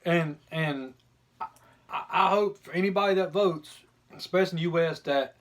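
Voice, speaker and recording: A man's voice: fairly high pitch, normal speed. A man chatting casually and giving his opinions bluntly, with some mild swearing, as a video host. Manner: blunt, mildly profane.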